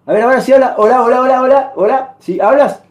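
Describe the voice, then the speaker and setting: A man's voice: extremely high pitch, quick pace. A man hosting a heated live-stream call-in, badgering callers with repeated insults. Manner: insulting, repetitive, badgering shouts. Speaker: streamer taking calls.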